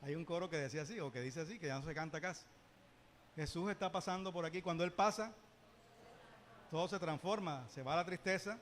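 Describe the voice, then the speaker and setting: A man with a high voice leads a church Bible lesson, breaking into playful asides and asking his listeners questions. His voice rings out with a long reverb around the church, with a faint hiss beneath it. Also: a little fast. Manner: lively, joking asides and rhetorical questions. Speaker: Sunday school teacher.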